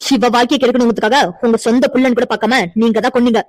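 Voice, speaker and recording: A woman's voice: a little high, fairly even intonation, rapid-fire, a little mellow, no room sound, natural voice. A woman voicing a defiant young woman in a cartoon, indignant and lecturing as she defends her friend. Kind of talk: cartoon voice acting.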